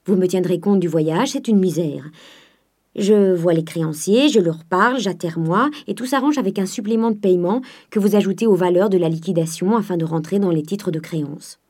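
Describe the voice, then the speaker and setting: A woman's voice: lowish voice, darkish tone, natural voice. A woman voicing a miserly old winegrower who stammers and plays the fool. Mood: wheedling. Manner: halting, stammering.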